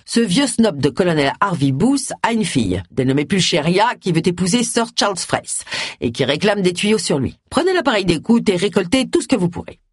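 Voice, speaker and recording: A reader doing a blustering pompous agency boss. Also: male voice, sits high, sing-song, normal speed, husky, dry recording, clean studio sound, heavily acted.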